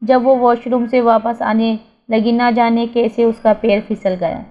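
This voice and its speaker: A woman narrating an emotional story in a measured, emotive way, on a slightly dull recording. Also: on the high side, little pitch movement.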